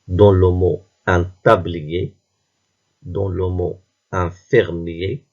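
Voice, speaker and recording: Slow, low-voiced man teaching reading. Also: darkish tone, slightly rough, highs cut off. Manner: slow, patient, pronounces words one by one. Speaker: primary school teacher. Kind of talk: reading lesson for young pupils.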